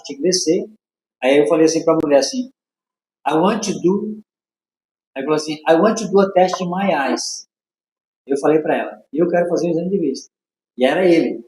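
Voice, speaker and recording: A man with a Brazilian Portuguese accent telling a story as a podcast guest, acting out the dialogue with laughs. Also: fairly high pitch. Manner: animated, acts out dialogue with laughs. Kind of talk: casual storytelling. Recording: echoey room.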